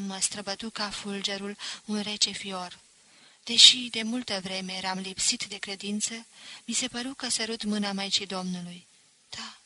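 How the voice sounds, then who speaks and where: A woman reading a literary novel aloud in a measured, deliberate way. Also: mid-range voice, sharp tone, low-quality recording. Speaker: audiobook narrator. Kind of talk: literary audiobook narration.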